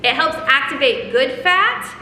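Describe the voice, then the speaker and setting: A woman's voice: high-pitched, animated, unhurried, sharp tone. A woman hosting a casual vlog, explaining things enthusiastically to viewers. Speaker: host of a family vlog. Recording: echoey room with faint background noise.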